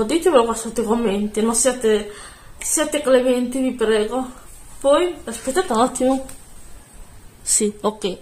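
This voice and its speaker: A woman chatting casually into her phone camera at home, soft-spoken and rambling, often correcting herself. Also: a little high, roomy sound. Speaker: beauty vlogger. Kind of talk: casual vlog chat.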